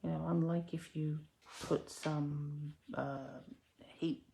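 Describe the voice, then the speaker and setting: A woman's voice: sits low, flat delivery, slow pace, vocal fry, warm tone. A woman chatting her way through a card-making tutorial, self-deprecating and muttering to herself as she works. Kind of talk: casual crafting tutorial.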